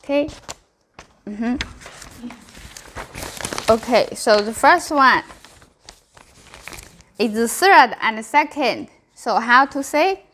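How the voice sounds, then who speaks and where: A woman language teacher with a Chinese accent and a fairly high voice leads beginners in practicing tones. She speaks very slowly, modelling syllables with exaggerated pitch and giving short prompts and corrections. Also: animated, a bit bright, a little hiss or hum.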